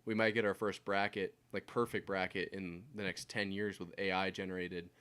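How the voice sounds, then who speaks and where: A man's voice: low-pitched, level tone, normal speed, a bit bright, clean tone. A man hosting a casual sports podcast in a studio, rambling with lots of hedging and fillers. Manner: rambling, hedges with "like", laughs while talking. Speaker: podcast host.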